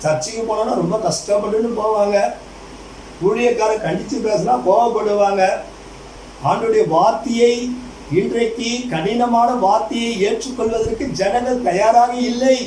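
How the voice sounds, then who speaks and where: A man's voice: sits high, steady tone, moderate pace, a little mellow, roomy sound, distant mic, a little hiss or hum, rough recording. A male pastor preaching a fervent sermon, putting rhetorical questions to the congregation and addressing them directly again and again.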